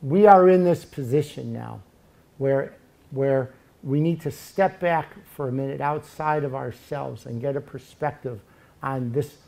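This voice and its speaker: A man's voice: medium pitch, measured pace, creaky, dark tone. A man preaching a sermon, emphatic and full of rhetorical questions.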